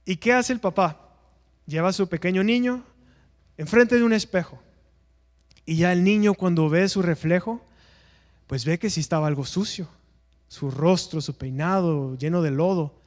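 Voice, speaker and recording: High-voiced man teaching in echoing church. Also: normal speed, long pauses. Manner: earnest, asks rhetorical questions and answers them. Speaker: evangelism teacher. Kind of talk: preaching-style church class.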